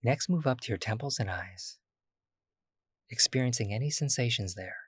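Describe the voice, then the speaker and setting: Soft-spoken man guiding a meditation. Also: medium pitch, expressive, breathy edge, no echo, clean studio sound. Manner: slow, soft and soothing, with long pauses. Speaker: meditation guide. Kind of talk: guided body-scan meditation.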